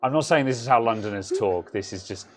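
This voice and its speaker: A man's voice: lowish voice, quick pace. A British man co-hosting a casual tech talk show, joking and laughing often as he chats with his co-host. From United Kingdom. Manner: jokey, laughs often, slips into silly voices. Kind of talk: casual banter.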